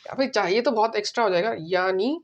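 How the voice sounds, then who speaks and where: A male teacher talks through a language lesson in an easygoing, conversational way. He goes step by step, says sample phrases slowly and more than once, and keeps checking that the listener is following. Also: high voice, highs cut off. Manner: explains step by step, often asks "right?" and repeats phrases slowly. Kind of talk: casual spoken lesson.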